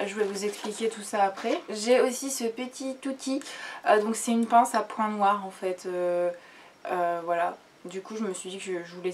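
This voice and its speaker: A young woman chatting casually while reviewing skincare products, rambling with many fillers and restarts, sitting on her bed. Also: mid-range voice. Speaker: beauty vlogger. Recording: distant camera mic with faint room noise.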